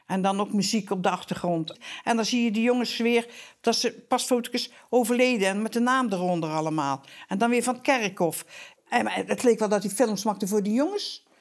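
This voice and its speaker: A woman's voice: medium pitch, brisk. An older woman, a widow, talking plainly and wistfully in a candid documentary interview, sometimes dropping almost to a whisper. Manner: plain-spoken, wistful, drops to a near-whisper at times.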